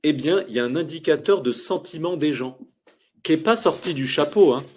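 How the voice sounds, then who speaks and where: A man explaining market indicators to viewers, with lively, emphatic delivery and rhetorical questions. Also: on the high side, fairly quick, slight background noise. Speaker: finance educator.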